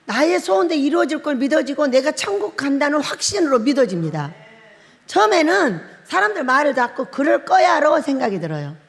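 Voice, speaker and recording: A middle-aged woman pastor preaching a sermon, telling a personal story with lively acted-out shouts and frequent laughter. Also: high-pitched. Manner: animated storytelling, acts out her own shouting and crying, laughs often. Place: church hall. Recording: long hall reverb.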